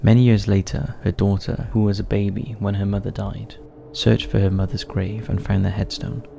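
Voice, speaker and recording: A man's voice: on the low side, level tone, normal speed, vocal fry, dark tone, slight background noise. A man narrating a scripted countdown of eerie forest stories in a somber storytelling manner.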